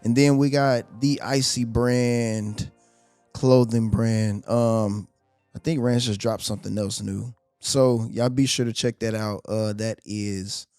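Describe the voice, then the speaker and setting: A man from co-hosting a podcast, joking around in relaxed slang. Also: medium pitch, smooth, no echo, studio quality. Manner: laid-back, joking slang. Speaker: podcast co-host. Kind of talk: casual chat.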